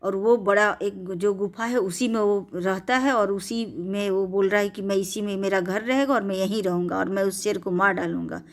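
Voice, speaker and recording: A woman voicing a clever male rabbit who flatters and coaxes a lion king in a bedtime story. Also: medium pitch, moderate pace, few pauses, natural voice. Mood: coaxing. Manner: coaxing, respectful pleading.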